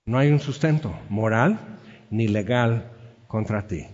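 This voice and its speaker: A man's voice: fairly low pitch, animated, unhurried, darkish tone, long reverb tail, lo-fi sound. A man preaching a sermon, telling stories and acting out the quotes in them. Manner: storytelling with acted-out quotes. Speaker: pastor.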